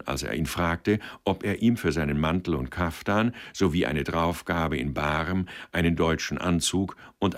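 Male radio reader, very deep, animated narration of a novel. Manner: expressive storytelling.

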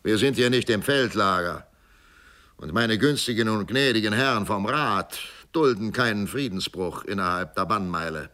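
A man's voice: fairly low pitch, animated, normal speed, pushed and bright, pitched above the performer's own voice. A man voicing a mocking, mock-polite older executioner who taunts his old enemy in a storybook reading. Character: sneering mocking male town executioner, older. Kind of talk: audiobook character voice.

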